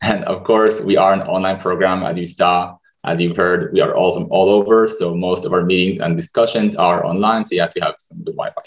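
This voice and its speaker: A man, hosting a webinar over a video call in a relaxed manner with many fillers. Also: sits low, brisk, few pauses. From Israel. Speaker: webinar host, medical student. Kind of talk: presenting a webinar over slides. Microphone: video call webcam. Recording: dull video-call audio.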